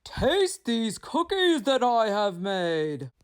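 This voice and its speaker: A woman voicing an excitable, anxious male toad from a children's storybook, with exclaiming, emphatic delivery. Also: a little high, slow pace, clear, resonant tone, pitched above the performer's own voice. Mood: eager.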